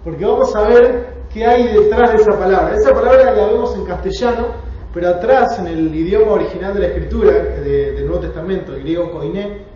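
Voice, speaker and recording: A man's voice: high voice, a little hiss or hum. A man with a Rioplatense Spanish accent leads a prayer and then teaches a Bible class, speaking earnestly and asking the class questions. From Argentina. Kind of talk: church class lecture with opening prayer. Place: church hall. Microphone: room recording from a distance. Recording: very echoey dull hall recording, distant.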